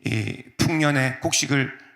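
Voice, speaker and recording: A male pastor preaching a sermon, talking in a conversational way with many fillers and softly acting out quoted lines. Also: medium pitch, unhurried, gravelly. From South Korea. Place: church sanctuary. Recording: echoey church sanctuary.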